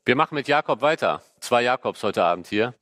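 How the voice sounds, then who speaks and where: A man's voice: medium pitch, lively intonation, a little fast, a bit bright, no room sound, studio quality. A man hosting a panel talk, introducing guests with encouraging interjections. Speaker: host.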